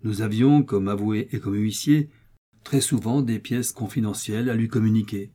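A man's voice: on the low side, normal speed, dark tone, natural voice. A man reading an audiobook voices an older notary who answers in a soothing, paternal tone while refusing to give way. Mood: reassuring. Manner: soothing then firmly refusing. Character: older male notary, smooth and evasive.

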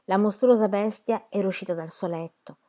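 Casting note: woman narrator for a literary audiobook, steady and dramatic, mid-pitched. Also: brisk. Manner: steady, dramatic novel reading. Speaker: reader.

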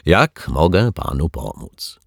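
A man's voice: big pitch swings, slow pace, creaky, no echo, clean studio sound, heavily acted. A man voicing a self-assured, thoughtful male detective in a children's story, speaking confidently. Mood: reassuring. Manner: confident and booming. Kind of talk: storybook character voice.

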